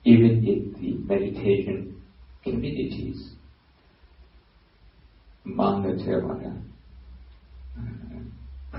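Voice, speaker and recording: A man with a Burmese accent, a Buddhist monk giving a dharma talk, pausing and restarting often as he searches for words. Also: on the low side, vocal fry. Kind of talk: dharma talk to a lay audience. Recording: very echoey hall, distant mic, dull lo-fi sound.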